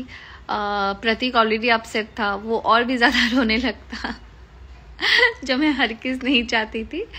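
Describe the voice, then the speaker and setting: A woman hosting a casual live chat with fans, relaxed and laughing often, mixing Hindi and English. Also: a little high. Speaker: live-stream host chatting with fans.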